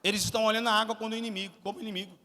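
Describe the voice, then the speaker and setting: A high-pitched man delivers a sermon in a church hall, his tone bright and sharp. He questions the congregation and swells to shouts. Long reverb and faint music linger behind him. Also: level tone, rapid-fire. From Salvador, Brazil. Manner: asks the congregation questions, builds to shouted climaxes. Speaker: guest pastor.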